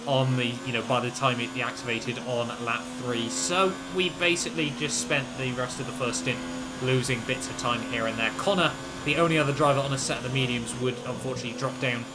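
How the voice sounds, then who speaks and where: A man's voice: mid-range voice, a little fast, heavy background noise. A man giving conversational, rambling commentary on a racing video game he played. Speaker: gaming video host, league racer.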